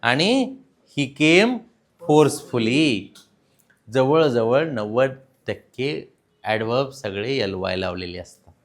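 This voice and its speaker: Lively, slow-talking Marathi-accented teacher. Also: male voice, medium pitch. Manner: mixes in English words, asks the class questions. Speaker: English teacher. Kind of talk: classroom lesson.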